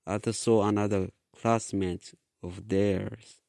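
A man reading his own story aloud in a slow, halting way with restarts. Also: lowish voice, steady tone, creaky, mellow, no echo, clean studio sound. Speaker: author reading his book. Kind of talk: storybook narration.

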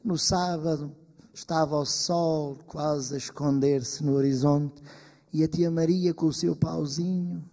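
A man telling a folk tale on stage with a high, mellow, husky voice. His telling is lively and animated. The hall around him rings with long reverb. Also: measured pace. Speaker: storyteller.

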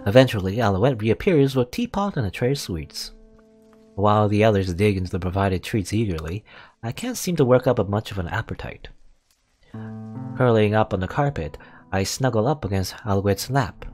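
Low-voiced man narrating a visual novel. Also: lively intonation, moderate pace, darkish tone. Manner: stumbles over words and corrects himself. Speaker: let's play host. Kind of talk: reading a visual novel aloud with asides. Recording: music behind the voice.

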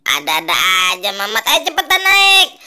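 A woman's voice: sits high, huge pitch swings, moderate pace, bright, forceful tone, exaggerated voice. A woman voicing Toing, a lazy, grumbling male ondel-ondel puppet who teases his crying friend. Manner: grumbling, teasing, bossy.

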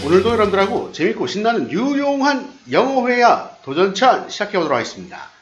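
A Korean man with a high, lively voice runs an upbeat English lesson and drills each phrase slowly again and again. His voice rings in a roomy space. The sound is a little dull. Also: soft background music. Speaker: English teacher.

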